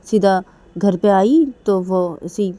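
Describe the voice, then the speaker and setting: A woman voicing an excited middle-aged mother who talks loudly and eagerly, stammering and chattering on. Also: mid-range voice, slow, lightly acted. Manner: loud, eager, stammering with "haan".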